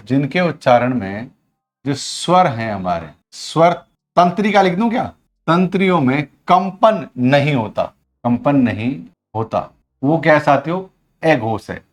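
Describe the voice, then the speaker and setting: A man teaching a Hindi grammar lesson in a live online class. He keeps asking his students questions, answers them himself, and sounds out syllables to show each point. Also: mid-range voice. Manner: repetitive call-and-response questioning of students; demonstrates sounds by voicing syllables aloud.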